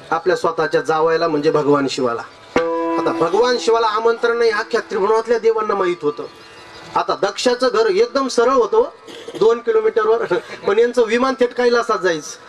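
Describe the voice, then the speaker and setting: High-voiced humorous kirtan preacher. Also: male voice, fairly bright tone. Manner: humorous, folksy, addresses the audience directly. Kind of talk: devotional kirtan sermon with folk storytelling.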